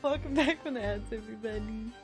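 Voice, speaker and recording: A boisterous woman chatting casually with friends as she hosts a live game stream, quick to shriek and giggle. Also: a little high. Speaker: streamer hosting a group game playthrough. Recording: music playing behind the voice.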